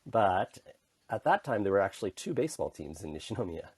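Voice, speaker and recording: A middle-aged man with a Canadian English accent, guesting on a podcast as an intercultural communication consultant, casually shares his story in a conversational interview, repeatedly restarting. His voice is on the low side, a little mellow and breathy, with big pitch swings and a slightly fast pace, recorded dry.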